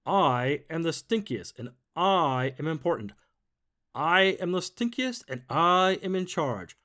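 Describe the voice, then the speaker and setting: A man puts on a pompous stink bug who runs the garden in this storybook reading. He booms his rules slowly and loudly, his pitch swinging widely. He sounds self-important and stern. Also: very animated, full character voice. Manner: loud, slow, booming decrees.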